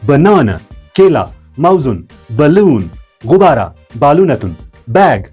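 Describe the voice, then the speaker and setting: A man leads a slow pronunciation drill, his somewhat high voice rising and falling a lot. His tone is slightly husky and he takes his time, repeating each word for learners. Soft music plays faintly underneath. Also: very animated. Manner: spells out letters and repeats words slowly for learners. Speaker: language teacher.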